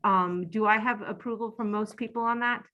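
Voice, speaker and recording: A woman chairing a board meeting over a video call, talking in a halting way with many ums and self-corrections. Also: mid-range voice, fairly even intonation, pushed and bright, muffled recording. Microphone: computer mic on a video call.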